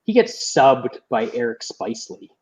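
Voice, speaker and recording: A man's voice: mid-range voice, big pitch swings, a little slow, darkish tone, rough recording. A man co-hosting a podcast, giving blunt, confident betting picks with lots of "uh"s. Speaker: podcast co-host. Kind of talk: casual fight-analysis chat.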